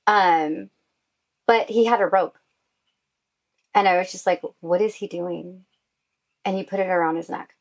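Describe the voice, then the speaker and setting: A woman's voice: medium pitch, moderate pace, pauses often, low-quality recording. A woman guest telling her own story in a casual interview, with an emotional delivery and many fillers. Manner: emotional, uses "like" often.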